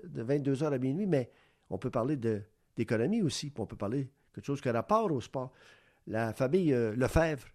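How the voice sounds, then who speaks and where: A man with a Quebec French accent and a gravelly, medium-pitched, darkish voice hosts a sports radio show. He rambles through an opinion monologue full of rhetorical questions, acting out little exchanges.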